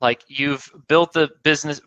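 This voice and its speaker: A man's voice: on the high side, steady tone, moderate pace, a bit bright, no echo, highs cut off. A man hosting a casual video interview, enthusiastic and rambling with lots of fillers. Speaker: interview host.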